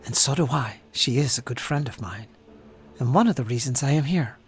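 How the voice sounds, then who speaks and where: A man voicing a calm, friendly elf maiden. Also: medium pitch, brisk, natural voice. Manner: calm, courteous, at times whispered. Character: friendly tattooed female elf adventurer.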